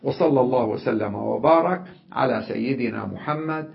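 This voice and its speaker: A man teaching an Arabic grammar lesson, explaining patiently and repeating example words slowly. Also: mid-range voice, gravelly, highs cut off.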